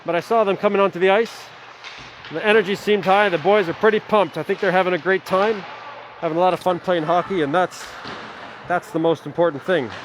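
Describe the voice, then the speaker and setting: Middle-aged guy doing amateur hockey play-by-play at the rink, high voice, chatty side comments, lots of noise in the background. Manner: rapid play-by-play with relaxed chatty asides. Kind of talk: amateur live sports commentary. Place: ice rink.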